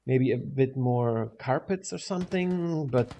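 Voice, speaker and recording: Man, German accent, medium pitch, casual vlog rambling, hesitant, big room echo, noisy recording. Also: unhurried, warm tone, lo-fi sound. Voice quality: echoey room sound. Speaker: video creator. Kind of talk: casual rambling update over game footage. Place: echoey room at home with big windows. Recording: big echoey room, clear background noise.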